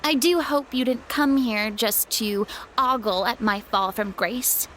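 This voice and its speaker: Furina, a high-pitched haughty diva. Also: female voice, unhurried, fairly bright tone, slight background noise. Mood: indignant. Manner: theatrical, haughty, indignant, formal wording. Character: haughty, dramatic former archon, a proud retired stage diva. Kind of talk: video game voice acting. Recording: background music under clean studio dialogue.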